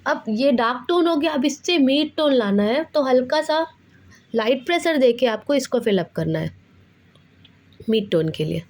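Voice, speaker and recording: Woman art teacher, fairly high voice, patient step-by-step tutorial delivery. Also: animated, moderate pace, a little mellow. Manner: patient, addresses viewers as children. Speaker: drawing teacher. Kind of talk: tutorial instruction.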